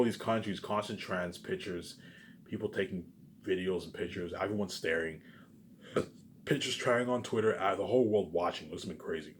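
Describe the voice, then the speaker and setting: Speaking very quickly in a lowish voice, this male video creator delivers a rambling, unscripted rant to his audience that swells loud and drops to a mutter. He keeps circling back to repeated phrases, with emphatic outbursts and quiet asides. A little hiss or hum sits in the background.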